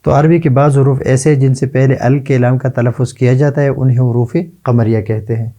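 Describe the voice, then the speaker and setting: A man teaches Arabic letters, stretching each example word out slowly and then asking and answering his own questions. His voice is very dark and mellow. The recording sounds dull and lo-fi. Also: mid-range voice, steady tone. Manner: slow, drawn-out repetition of example words. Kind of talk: classroom lesson.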